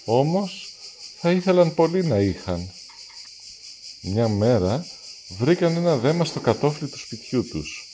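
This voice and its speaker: A man reading a children's storybook aloud, lively and acting out the characters' lines. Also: fairly high pitch, long pauses, a little hiss or hum. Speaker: storybook reader.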